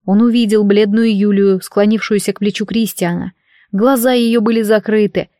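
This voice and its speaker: A woman reading a fantasy novel aloud in steady storytelling narration. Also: mid-range voice, moderate pace, dry recording, clean studio sound. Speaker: audiobook narrator.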